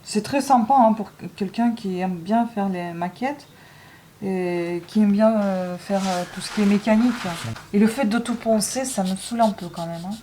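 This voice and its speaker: Woman vlogger, mid-pitch, chatty and jokey, grumbles a lot, faint noise behind. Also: moderate pace, mellow. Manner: chatty, joking, grumbling, lots of "hein". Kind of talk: casual chat vlog.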